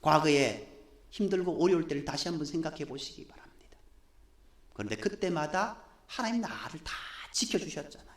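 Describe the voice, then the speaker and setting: A male pastor preaching a Sunday sermon with emphasis, sometimes falling to a hush, often putting questions to the congregation. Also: fairly high pitch, lively intonation, normal speed. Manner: asks the congregation rhetorical questions. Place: church sanctuary. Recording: echoey church sanctuary.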